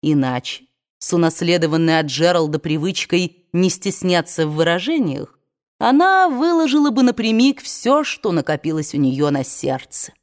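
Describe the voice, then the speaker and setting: A woman narrating a novel aloud in a measured, expressive reading. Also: fairly low pitch. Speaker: audiobook reader. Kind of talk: scripted narration.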